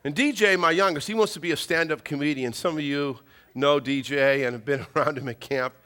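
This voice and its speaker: A middle-aged man delivers a sermon in a bright, forceful voice pitched a little high. He mixes homespun, humorous family stories with emphatic, repeated lines of preaching. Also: a little fast. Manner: folksy humorous storytelling. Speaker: pastor.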